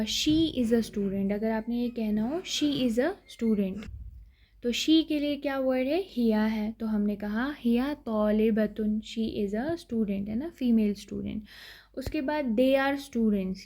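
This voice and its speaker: A fairly high-pitched woman teaches a grammar lesson. Her tone is dark and mellow. She explains patiently, repeats key words and keeps checking that her listeners follow. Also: slow pace. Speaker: Arabic teacher.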